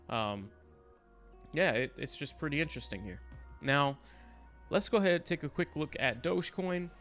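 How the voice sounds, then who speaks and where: A man's voice: mid-range voice, a bit bright. A man hosting a casual live market stream, talking informally and directly to his viewers. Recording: music playing behind the voice. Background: background music.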